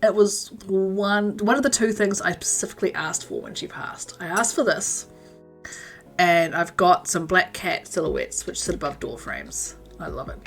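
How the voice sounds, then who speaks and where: A crochet livestream host from New Zealand talks casually and meanderingly, responding to chat messages she reads aloud and sometimes mumbling her stitch counts. She has a lowish voice with vocal fry and a moderate pace, backed by soft music.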